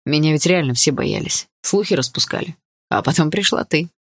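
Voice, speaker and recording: A woman reading the part of a teasing, cocky teenage boy in love, in a soft manner. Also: deep voice, lively intonation, brisk, husky, dry recording, clean studio sound, heavily acted.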